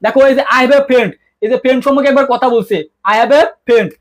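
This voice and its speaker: Man, tutor, exam-prep lesson, keeps quizzing students, colloquial, quick pace. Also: very high-pitched, fairly even intonation. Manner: quick-talking, keeps asking students questions; colloquial, mixes English terms into speech. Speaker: English tutor.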